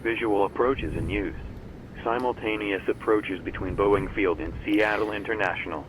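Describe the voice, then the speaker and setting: Low-voiced guy on an airport weather broadcast over the radio, formal measured readout, bit of noise behind. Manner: measured, formal announcement phrasing. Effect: recorded airport weather broadcast over radio.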